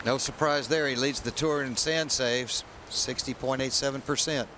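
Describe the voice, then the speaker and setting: A man's voice: mid-range voice, steady tone, normal speed, bright, forceful tone. A man commentating on a golf tournament as a broadcast commentator. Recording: outdoor broadcast, clear ambient noise.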